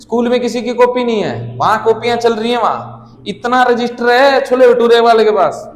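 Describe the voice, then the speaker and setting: A young man doing stand-up storytelling, animated, acting out his friends' lines and swearing freely. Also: very high voice, normal speed. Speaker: stand-up comedian. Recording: echoey hall with long reverb.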